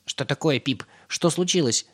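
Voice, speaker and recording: A man voicing a skinny male creature friend in a storybook, speaking in a calm, soothing way. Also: fairly high pitch, normal speed, pitched above the performer's own voice.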